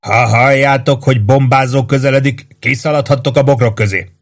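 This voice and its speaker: A man reading an audiobook, voicing a gruff army first sergeant who shouts orders at his troops in a loud, raised voice. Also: medium pitch, fairly even intonation, pitched above the performer's own voice, natural voice. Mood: commanding, shouting. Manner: barks commands, curses, loud and emphatic.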